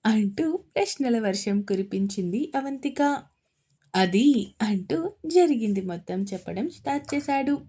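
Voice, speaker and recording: A woman reading a romance audio story aloud. Her voice sits slightly high. She keeps the narration steady and expressive, carrying the listener from scene to scene. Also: moderate pace, breathy edge.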